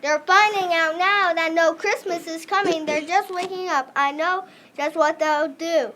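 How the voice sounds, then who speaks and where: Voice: very high voice, steady tone, unhurried, pushed and bright, a little hiss or hum, heavily acted. A child voicing a sly, mean, grumpy male creature in a storybook play, with theatrical scheming. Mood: gloating. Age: child performer.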